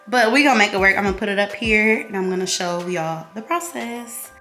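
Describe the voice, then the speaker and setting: A woman's voice: on the low side, a bit bright. A woman in her apartment chatting casually to viewers as she decorates and explains, with sassy, slangy asides. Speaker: vlogger. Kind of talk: casual home vlog, tutorial. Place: apartment living room, indoors.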